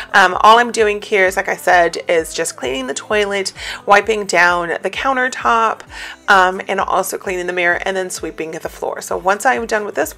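Bright, chatty woman narrating a cleaning vlog. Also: mid-range voice. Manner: chatty, many fillers. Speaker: cleaning vlogger. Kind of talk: casual voice-over narration. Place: home room, TV playing next door.

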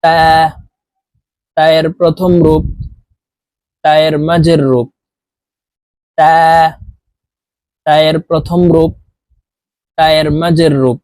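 A man with a Bangladeshi Bengali accent teaching Arabic letters slowly, one by one, with the letter names drawn out and chanted. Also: a little high, flat delivery, a little mellow, dry recording. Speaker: Quran teacher. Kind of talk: slow letter-by-letter lesson.

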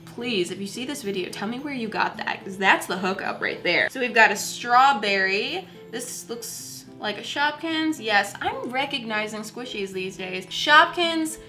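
A woman hosting an unboxing vlog, chatting excitedly with frequent giggles and gushing exclamations. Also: on the high side, measured pace, few pauses, faint music behind. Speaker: craft YouTuber host.

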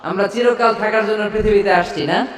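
A man's voice: high-pitched, fairly even intonation, fairly quick, echoey room, recorded from a distance. A man preaching a sermon to a large crowd, calling out questions for them to answer and chanting verses of scripture.

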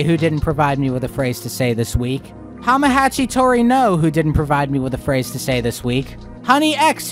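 A young man hosting a review video, with sarcastic, profane ranting commentary. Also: fairly high pitch. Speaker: video critic host.

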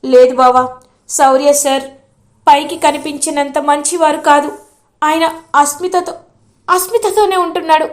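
Woman as upset young bride-to-be, high voice, urgent, pleading. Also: fairly even intonation, measured pace, long pauses.

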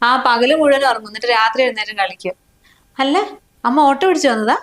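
A woman's voice: fairly high pitch, fast, a bit bright, close to an everyday voice. An actress playing a young wife and mother who pleads with her husband in a family short film.

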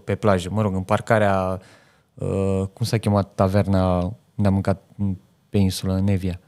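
A man's voice: deep voice, completely flat delivery, a little mellow. A man co-hosting a car podcast in a studio, talking in casual chat and acting out little dialogues. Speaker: podcast co-host. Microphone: studio mic on boom arm.

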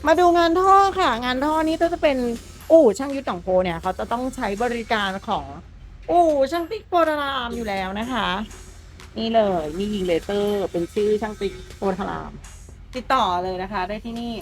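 A woman's voice: on the high side, animated, a little fast, soft background music. A woman presenting a walkaround of a customized truck at a workshop. She talks in a chatty, enthusiastic, polite way. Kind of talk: walkaround vehicle showcase.

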